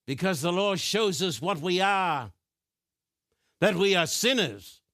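Man, television preacher, sermon, very slow and deliberate, emphatic, dry studio sound. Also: high voice, expressive, sharp tone, no room sound. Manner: slow, deliberate, emphatic, addresses viewers directly. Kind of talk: sermon with scripture reading.

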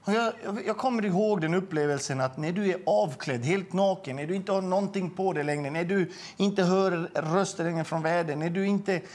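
A middle-aged man with a slightly raised pitch shares his faith testimony. He talks earnestly and with feeling, and he often stumbles over repeated words and starts his sentences again. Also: few pauses, a little mellow. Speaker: guest sharing a faith testimony. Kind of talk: personal religious testimony.

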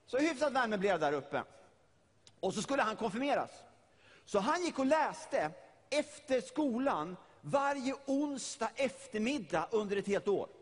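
A man's voice: extremely high pitch, big pitch swings, big-room sound. A middle-aged man from Sweden preaching a sermon, retelling a story vividly and often repeating his words.

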